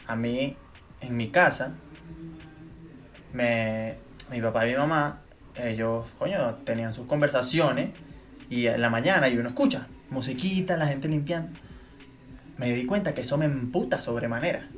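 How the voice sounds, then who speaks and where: A man's voice: mid-range voice, moderate pace. A young man, co-hosting a podcast and ranting emphatically about his pet peeves, repeating his points. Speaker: podcast co-host. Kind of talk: casual chat.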